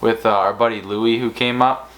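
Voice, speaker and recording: A man's voice: fairly low pitch, steady tone, moderate pace, a bit bright, a little hiss or hum, poor audio. A man co-hosting a fishing channel, telling stories in a casual, rambling way with many restarts. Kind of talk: casual storytelling chat.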